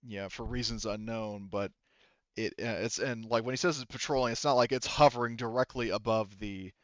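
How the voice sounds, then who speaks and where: Speaking through a headset, this game master for a tabletop roleplaying game narrates casually, stumbling a little and fixing his own explanations as he goes. He has a fairly low, steady voice; there's no room sound and the highs are cut off.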